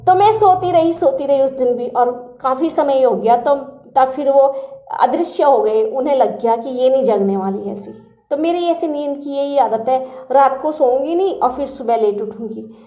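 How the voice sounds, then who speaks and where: A woman's voice: high voice, moderate pace. A woman earnestly and animatedly recounting her spiritual experiences as a personal story. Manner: earnest and animated, acts out quoted words. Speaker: devotee sharing spiritual experiences. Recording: echoey room.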